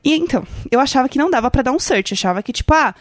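A woman's voice: high-pitched, animated, racing, no echo, clean studio sound. A Brazilian woman co-hosting a podcast, telling a story in a chatty, casual way, full of fillers and the odd swear word. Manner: chatty, lots of fillers, swears when annoyed. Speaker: podcast co-host.

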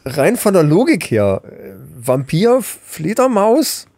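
A man's voice: high-pitched, big pitch swings, slow pace, a little mellow, no room sound, studio quality. A man co-hosting a podcast in informal, easygoing casual chat. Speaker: podcast co-host.

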